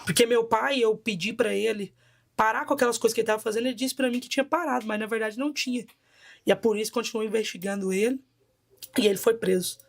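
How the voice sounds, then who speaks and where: A Brazilian woman with a Brazilian Portuguese accent gives a personal testimony as a bishop. Her voice sits a little high. She retells events vividly and dramatically. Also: quick pace, gravelly.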